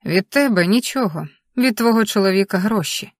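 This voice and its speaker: A woman's voice: medium pitch, lively intonation, moderate pace, no room sound. A curt, scornful male kidnapper, voiced by a woman reading the book, barely set apart from her plain narrating voice. His lines are short and cold, delivered close and dry with no room around them. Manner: blunt and scornful. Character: gruff male kidnapper guarding a captive.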